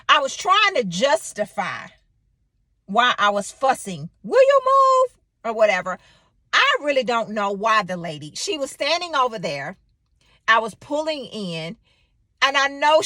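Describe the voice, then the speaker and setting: A woman in her thirties giving an animated devotional talk, telling a personal story with sudden exclamations. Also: on the high side, dry recording. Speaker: faith vlogger.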